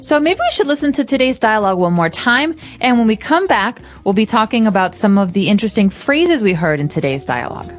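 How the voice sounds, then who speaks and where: A woman co-hosting an English lesson podcast, explaining words clearly and patiently. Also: fairly high pitch, big pitch swings, brisk, hardly any pauses, faint music behind. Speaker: English teacher co-host.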